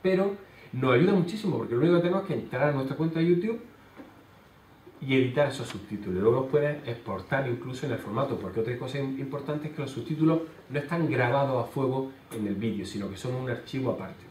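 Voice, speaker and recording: Male lecturer, halting explanatory delivery, distant mic in a reverberant hall, faint background noise. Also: medium pitch, animated, darkish tone. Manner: explanatory, many hesitation fillers. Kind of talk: conference talk. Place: conference hall. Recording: roomy hall sound from far off.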